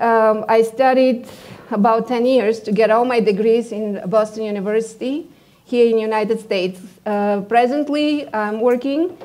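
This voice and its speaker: A woman from Bulgaria, a dentist giving a conference presentation, hesitant with many fillers and losing her voice as she keeps clearing her throat. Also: a little high, warm tone.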